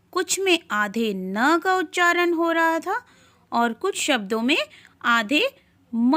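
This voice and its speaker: A woman's voice: high voice, sharp tone, dry recording. A woman teaching young children to read, sounding out syllables one by one and answering her own questions. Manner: slow, deliberate sounding-out of syllables; asks questions and answers them herself. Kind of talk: children's reading lesson.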